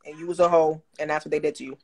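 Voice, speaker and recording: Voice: medium pitch, flat delivery, very fast, mellow. A co-host in a casual chat, making crude, joking comparisons.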